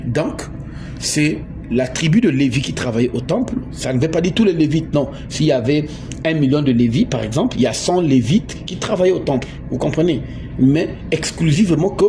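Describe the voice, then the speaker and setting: A man's voice: fairly high pitch, animated, a little fast. Emphatic Congolese man preaching. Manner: emphatic, repeats words, asks the audience. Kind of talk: sermon. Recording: noisy background.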